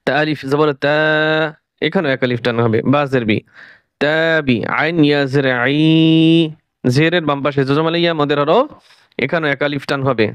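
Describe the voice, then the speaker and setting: A man teaching Quran reading, spelling out each syllable and then drawing the whole word out slowly. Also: fairly high pitch, steady tone, no echo. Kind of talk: recorded recitation lesson.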